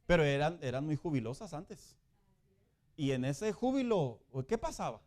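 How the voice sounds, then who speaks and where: A middle-aged man, preaching a Sunday school sermon in a lively, joking way. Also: a little high, moderate pace. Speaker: pastor.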